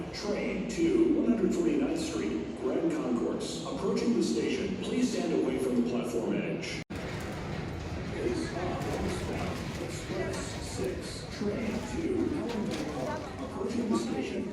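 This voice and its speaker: A man making train station announcements over a loudspeaker, in measured, evenly spaced phrasing. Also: high voice. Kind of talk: recorded transit announcements. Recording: echoey distant platform loudspeaker, loud ambient noise.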